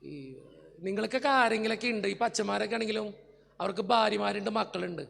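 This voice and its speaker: A male priest preaching with a very high, heavily gravelly voice, earnest and pleading as he speaks straight to his flock. His words ring out with the long reverb of a church hall. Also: steady tone, fast talker, fairly bright tone. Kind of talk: emotional sermon with personal stories.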